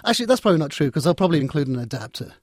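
A technology writer and editor speaks as an interview guest, conversational and discursive, often repeating and reworking his words. His fairly high voice is sing-song and racing. The studio-quality recording has no echo.

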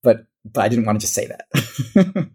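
A man's voice: mid-range voice, lively intonation, measured pace, darkish tone, husky. A man with a Midwestern American accent, talking casually as a podcast guest, rambling and correcting himself as he explains. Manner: rambling, self-correcting, laughs often. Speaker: guest, animal-ranking YouTuber.

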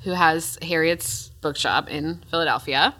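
Bright-voiced female podcast co-host. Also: low voice, measured pace. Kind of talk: casual podcast chat.

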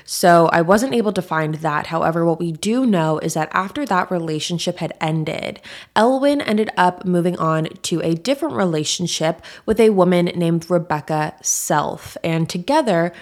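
A woman's voice: fairly low pitch, expressive, normal speed. A woman hosting a podcast as a true crime narrator, talking in a casual, conversational way straight to her listeners. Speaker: podcast host.

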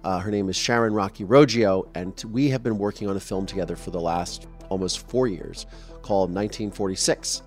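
A man's voice: low voice, a little fast, faint music behind. A man in his thirties hosting a podcast, talking casually and rambling with fillers and restarts, openly emotional at times. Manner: openly emotional, voice softening when moved. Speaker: podcast host.

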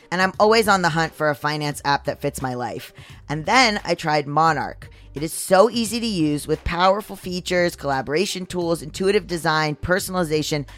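An androgynous, mid-pitched voice, deepened by testosterone and a little strained. The podcast host delivers scripted sponsor reads conversationally, slipping in personal asides, with music behind.

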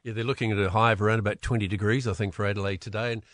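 A man's voice: on the low side, steady tone, rapid-fire, fairly bright tone, no echo. A man with a New Zealand accent hosting a conversational radio interview in an informal, matey way. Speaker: radio host.

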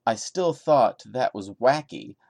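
Speaking slowly and expressively, this podcast host has a medium-pitched, somewhat dark voice with no echo around it. His dramatic reading is repeatedly cut into by his own exasperated, sarcastic commentary.

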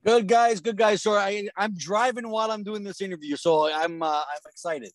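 A man's voice: high voice, normal speed, dry recording. Upbeat man calling in on car speakerphone. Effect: phoning in on car speakerphone while driving. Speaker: comedian guest calling in. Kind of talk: casual radio chat. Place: in a moving car.

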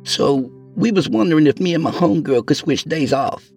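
A man's voice: a little high, lively intonation, moderate pace, gravelly, darkish tone, breathy edge, soft background music, voice pushed up, full character voice. A man voicing a cautious, slangy young woman working in a jail kitchen. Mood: nervous. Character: wary young female inmate kitchen worker.

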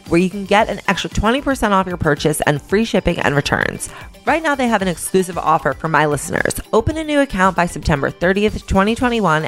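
A woman hosting a news podcast, reading scripted briefings and sponsor copy in an informal, wry manner. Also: on the low side.

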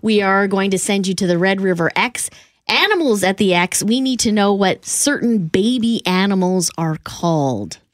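A woman's voice: medium pitch, expressive, normal speed, no echo. Female radio co-host, matter-of-fact, dry close mic. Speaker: news show co-host. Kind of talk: casual radio banter. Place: radio studio.

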